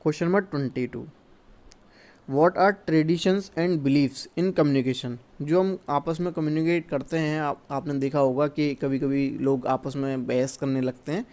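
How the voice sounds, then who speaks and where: A man from India walking through exam questions as a teacher, reading the English questions slowly and then explaining them in Hindi. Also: on the high side, fairly even intonation, a little mellow.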